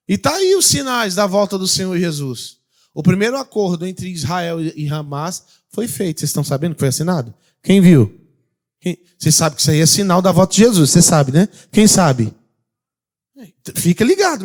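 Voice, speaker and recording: A man with a Brazilian Portuguese accent, a pastor preaching a sermon, asking the congregation questions and swinging between loud calls and quiet passages. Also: high voice, lively intonation, brisk.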